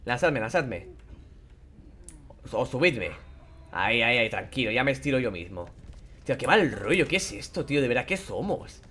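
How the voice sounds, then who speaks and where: A man commentating a horror game playthrough, taunting and swearing at the characters in a playful, animated way. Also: mid-range voice, normal speed, long pauses, slightly rough. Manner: animated, playful sound effects and singing. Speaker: gameplay commentator. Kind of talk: casual let's-play commentary.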